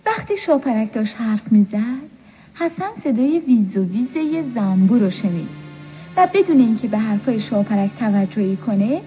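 A woman narrating a children's story in a gentle, even storytelling manner. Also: a little high, muffled recording, soft background music.

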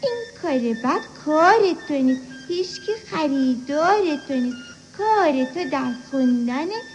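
A woman doing a high, chattering butterfly. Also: lively intonation, a little hiss or hum, poor audio. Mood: playful. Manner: exclaiming, sing-song rhymes. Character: lively chattering female butterfly. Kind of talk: children's musical audio story.

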